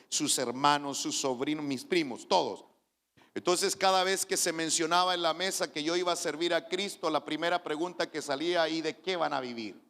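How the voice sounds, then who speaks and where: A man from Chile, a pastor, gives an earnest personal testimony in a church sermon, his voice on the high side and a bit bright. He often restarts his phrases, and the church hall is reverberant.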